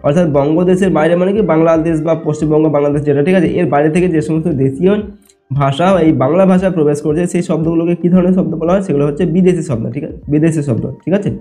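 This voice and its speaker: A man's voice: fairly high pitch, quick pace, warm tone. Man teaching with background music. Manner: explanatory, checks in often with "ঠিক আছে?". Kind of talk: exam answer walkthrough lesson.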